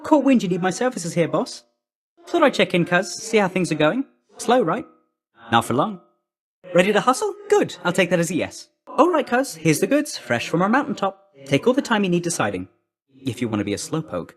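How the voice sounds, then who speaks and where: For a video game, a cheeky young male messenger god speaks fairly high and fairly quickly, his pitch swinging hugely up and down all the time. He comes across as a chummy, brisk courier who's always rushing, with breezy, clipped, slangy talk. The speaker is a video game character actor.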